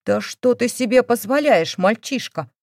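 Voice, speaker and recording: A woman's voice: on the low side, normal speed, dry recording, clean studio sound, close to an everyday voice. A woman voicing a domineering older mother who scolds her daughter, raising her voice in indignation. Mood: indignant. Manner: scolding, raised voice.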